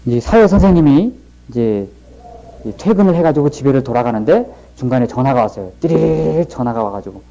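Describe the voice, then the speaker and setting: A man's voice: medium pitch, animated, fairly quick, gravelly, mellow, low-quality recording. A middle-aged man giving a lecture and telling stories in a folksy, plain-spoken way. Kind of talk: storytelling lecture.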